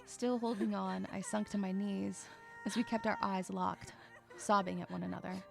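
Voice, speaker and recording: In a first-person audio drama, a woman plays a sarcastic, irritable, troubled young loner and narrates with expressive, sighing delivery. She is sobbing, her medium-pitched voice gravelly at a normal speed, heard over music.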